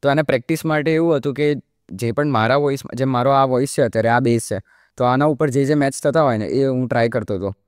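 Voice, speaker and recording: This podcast guest, an Indian mimicry artist in his early twenties, talks at a quick pace in a smooth, medium-pitched voice. His casual interview explanations are relaxed and peppered with English fillers like "like." The studio sound is clean, without echo.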